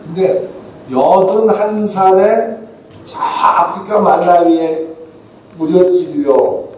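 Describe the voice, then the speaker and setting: A man's voice: sits high, slow. A man in his seventies, a guest author animatedly telling stories at a book talk. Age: 70s. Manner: animated anecdotes, acts out quoted dialogue. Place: event hall. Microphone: room recording from the audience. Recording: echoey hall recorded from far off.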